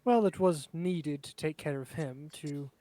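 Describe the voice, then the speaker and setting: A man plays an inquisitor priest in a tabletop game. He speaks earnestly and in a measured way, his voice sitting slightly high. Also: warm tone. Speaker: player. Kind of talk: in-character speech.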